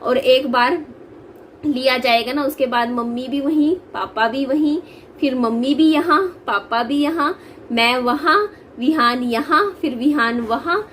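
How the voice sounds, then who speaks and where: A young woman with a high, bright voice talks chattily to her viewers in a casual family vlog, often breaking into laughter between loose, hesitant sentences. A faint hiss of background noise sits under her voice. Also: measured pace. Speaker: vlogger.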